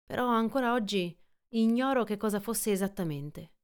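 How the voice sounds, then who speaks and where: A woman narrates a classic novel in a measured, even storytelling voice of middle pitch. Her tone is smooth and clear throughout, steady and controlled as she carries the story forward. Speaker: audiobook reader. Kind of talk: scripted literary narration.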